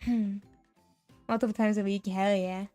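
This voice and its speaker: A young American woman streaming a casual chat, telling stories in a lively way, laughing often and swearing freely. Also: mid-range voice, normal speed, soft background music. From United States.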